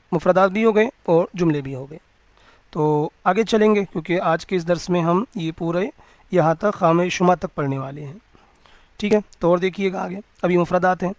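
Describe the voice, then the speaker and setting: A male religious teacher giving a lecture, reading each word slowly and then explaining it. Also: sits high, no room sound.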